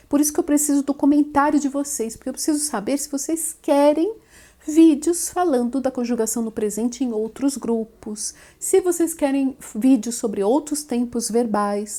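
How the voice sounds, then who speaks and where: A woman's voice: sits high, mellow. A woman teaching French in an online lesson, explaining patiently and often adding "né?".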